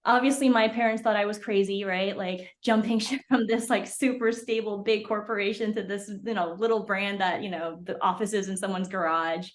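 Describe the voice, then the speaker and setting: Her voice sits at a medium pitch with a steady tone, and she moves briskly, rarely pausing. She's a beverage founder from Hong Kong in her forties, talking easily on a podcast in a casual interview, sprinkling in fillers and laughter between phrases.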